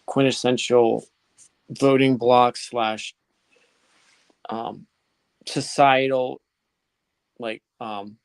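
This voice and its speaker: A man's voice: medium pitch, vocal fry, dry recording. A man co-hosting a casual reaction stream, thoughtful and trailing off with fillers. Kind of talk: casual chat.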